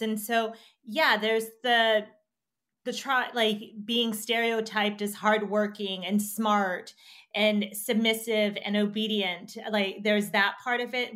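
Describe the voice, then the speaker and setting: A woman's voice: medium pitch, a bit bright. Earnest thoughtful American woman. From United States. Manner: earnest, thoughtful, many fillers. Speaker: guest. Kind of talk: reflective conversation.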